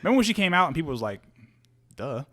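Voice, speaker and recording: A man's voice: sits high, sing-song, very fast, sharp tone. Young man, laid-back profane podcast chat. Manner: loose, profane storytelling that slips into quoted voices; laughs often while talking. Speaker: podcast co-host. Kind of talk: casual chat.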